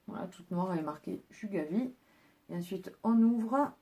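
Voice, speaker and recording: A woman's voice: medium pitch, expressive, moderate pace, crowd noise. Chatty woman showing off her haul. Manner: chatty, talks her viewers through each item. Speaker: haul vlogger. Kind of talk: casual chat, showing purchases to camera.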